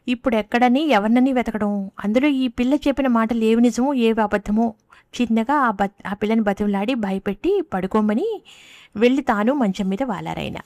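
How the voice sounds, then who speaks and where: Woman storyteller, measured scripted narration, slightly high voice, dry close sound. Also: darkish tone, no echo.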